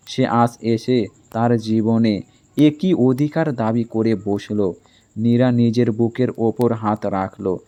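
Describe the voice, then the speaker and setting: A man narrating a dramatic romance story in an even, measured storytelling manner. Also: mid-range voice.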